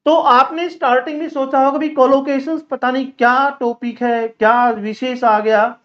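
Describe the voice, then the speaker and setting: A man from India teaching an English lesson in Hindi, repeating example sentences slowly and addressing viewers as children. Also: very high-pitched, fairly even intonation, fairly bright tone. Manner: slow, repetitive drilling of example sentences. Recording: slightly dull lo-fi recording.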